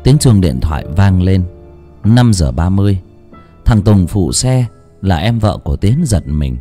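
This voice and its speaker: A man narrating a dramatic audiobook in an expressive storytelling voice. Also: deep voice, a little slow, faint music behind. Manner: expressive storytelling, lingering on phrases.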